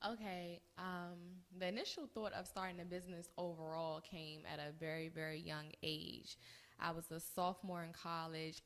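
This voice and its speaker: A woman in her early twenties, a podcast co-host, telling her story in casual, chatty chat with laughs. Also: sits low. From United States. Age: 20s. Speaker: co-host and business owner. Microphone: live-streamed recording.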